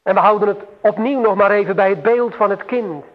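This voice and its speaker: A man preaching a sermon slowly and solemnly, with emphatic swells and long pauses. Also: sits high. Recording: tinny phone-like radio broadcast with long hall reverb.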